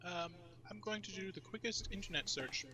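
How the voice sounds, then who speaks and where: Male player, casual and quick to apologize, with a bright, slightly high voice. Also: slight background noise. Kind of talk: casual tabletop game chat.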